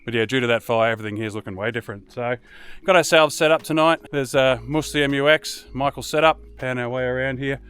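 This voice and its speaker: Quick, upbeat man vlogging. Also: mid-range voice, smooth. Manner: upbeat, chatty, relaxed. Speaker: 4WD camping vlogger. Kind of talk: casual vlog narration. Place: outdoors at a bush campsite.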